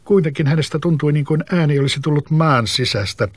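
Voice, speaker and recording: A man narrating a fairy tale in a calm, even storybook reading. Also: a little high, no room sound.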